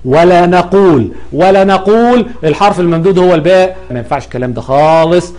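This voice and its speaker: A man with an Egyptian accent teaches Arabic grammar patiently, stretching out sounds to show pronunciation and correcting common mistakes emphatically. His voice sits high, is a little mellow, and moves fast with plenty of expression.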